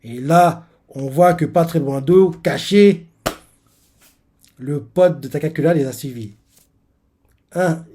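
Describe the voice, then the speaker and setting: A man's voice: a little high, slow pace, long pauses, mellow, slight background noise. A man streaming a live manga reading and reaction. He rambles and uses lots of fillers.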